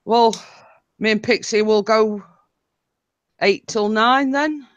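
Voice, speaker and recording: A woman's voice: fairly high pitch, slow, smooth, dull audio. A woman co-hosting a casual live stream, chatty and reading out viewer comments.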